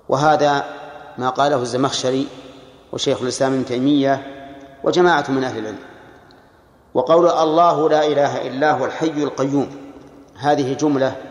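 A man teaching a classroom lecture on scripture as an Islamic scholar, explaining grammar step by step and asking his students questions. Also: medium pitch. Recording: echoey hall with long reverb.

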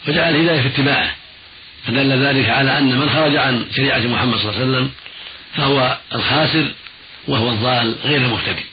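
A man's voice: medium pitch, fast. A man giving religious instruction in formal Arabic as a scholar, didactic and repeating points for emphasis. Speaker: Islamic scholar answering listeners' questions. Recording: noisy, dull old radio recording.

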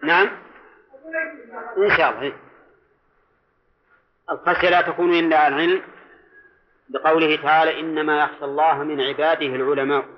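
A man's voice: a little high, steady tone, a little hiss or hum. Man lecturing in a muffled recording. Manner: deliberate, repeats key phrases, quizzes students. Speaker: teacher of Quran commentary. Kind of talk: classroom lecture.

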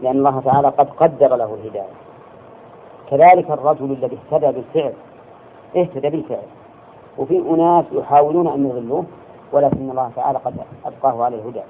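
A male religious teacher giving a classroom lesson, explaining slowly and checking his students with quick questions. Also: medium pitch. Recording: tinny lo-fi lecture recording with faint hiss.

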